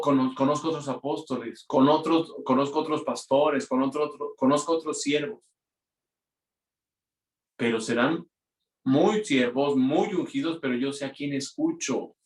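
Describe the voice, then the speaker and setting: A man's voice: mid-range voice, distant mic. A man preaching a conversational sermon as pastor, often acting out quoted voices. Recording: roomy echo, mic from afar.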